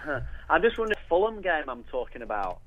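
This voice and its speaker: A man's voice: fairly high pitch, sing-song, fast, fairly bright tone, dry recording. A man chatting casually about football as a guest over a telephone. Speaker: phone-in podcast guest. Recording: dull phone line.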